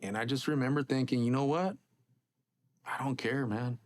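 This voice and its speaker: A man's voice: mid-range voice, normal speed. Earnest man talking street slang. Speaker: interviewee. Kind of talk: casual interview.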